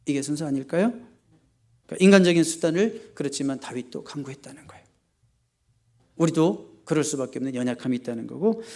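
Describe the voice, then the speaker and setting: A male pastor preaching in church, asking the congregation questions and answering them himself, with sharp rises for emphasis. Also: a little high. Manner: emphatic, often rising sharply for stress. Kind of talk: sermon. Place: church sanctuary.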